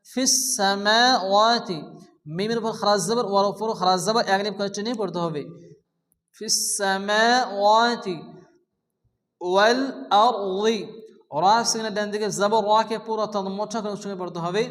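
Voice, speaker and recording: A man teaching Quran recitation, chanting verses slowly and melodically between quick spoken explanations of pronunciation rules. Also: high-pitched, a bit bright. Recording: long reverb with faint music underneath.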